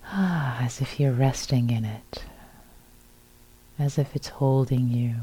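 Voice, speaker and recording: A woman leads a guided meditation, her voice soft, breathy and gentle yet rumbling low. She speaks slowly in short phrases separated by long silences.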